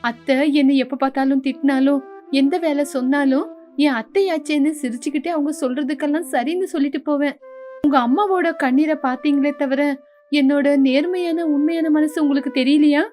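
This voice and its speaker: Woman doing a young daughter-in-law, patient, earnest, pleading, high-pitched, storybook. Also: brisk, a little mellow, faint music behind, lightly acted. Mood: hurt. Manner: pleading, reasoning. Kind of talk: storybook voice acting.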